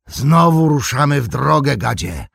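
A scornful old wizard, fallen but still proud, as a male audiobook reader puts him on, drawls his threats with slow, deliberate spite. The gravelly voice is pitched higher than the reader's own and swings widely. The dry, close sound keeps every sneer near. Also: very animated, no room sound, full character voice. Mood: furious. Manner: sneering, slow and menacing, rising to shouts. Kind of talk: audiobook reading.

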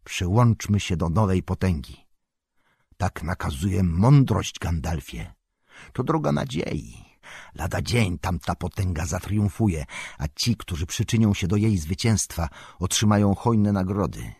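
A man reading an audiobook who voices a proud, scornful old male wizard lord, speaking slowly and grandly, as if declaiming. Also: low-pitched, big pitch swings, creaky, a little mellow, slightly rough, dry recording, clean studio sound, heavily acted. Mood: coaxing.

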